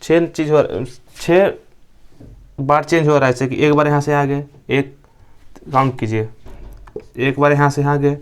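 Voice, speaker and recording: A man's voice: a little high, fairly even intonation, measured pace, pauses often, clean tone. A young man from India teaching a science lesson. He asks the class questions, answers them himself and repeats each key term. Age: young adult. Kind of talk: classroom lecture.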